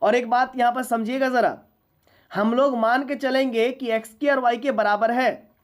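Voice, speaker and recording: A woman's voice: on the high side, steady tone, moderate pace. A woman teaching a university maths class, lecturing patiently and often asking whether students follow. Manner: patient, checks understanding often.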